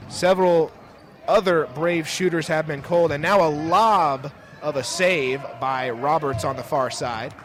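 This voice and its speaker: Speaking a little slowly in a slightly high voice, a young adult man provides live radio play-by-play of a basketball game. He's in an indoor school gym, where the courtside recording is noisy with clear ambience and bouncing basketballs.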